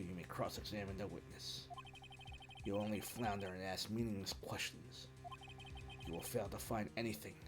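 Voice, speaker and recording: A man's voice: lowish voice, natural voice. A man voicing a cold, condescending older prosecutor in clipped tones, over game music.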